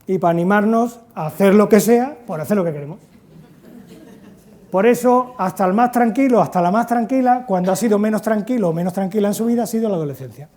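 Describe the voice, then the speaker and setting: A man, giving a lively talk at an education conference. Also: high voice, fast. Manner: lively storytelling, acts out quotes loudly. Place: conference hall.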